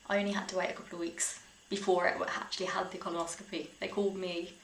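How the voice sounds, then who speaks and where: Speaking fast in a lowish, level voice, a young British woman tells casual personal stories to camera in vlogger style. She's informal and chatty, with little laughs running through. There's a roomy echo plus faint noise in the background.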